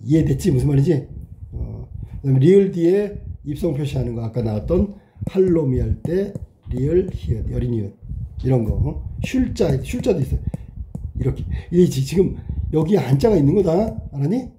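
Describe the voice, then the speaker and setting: A male teacher lecturing a class in a very dark, mellow voice. He keeps checking understanding with quick questions. A faint hiss sits under the recording. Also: a little high, lively intonation. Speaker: Korean language teacher. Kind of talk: classroom lecture, explaining while writing.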